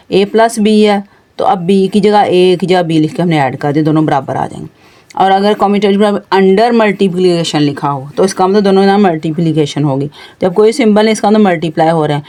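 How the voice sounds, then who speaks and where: A woman's voice: medium pitch, a little mellow. A woman with a Pakistani Urdu accent teaching a math lesson, patiently explaining each step and pointing at the board as she goes. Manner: patient, stepwise explanation with frequent pointing words.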